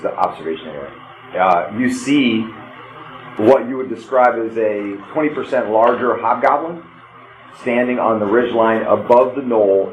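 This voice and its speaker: A man running a tabletop game as game master, casual and laughing, slowing down to describe scenes. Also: on the low side, echoey room, dull audio, slight background noise.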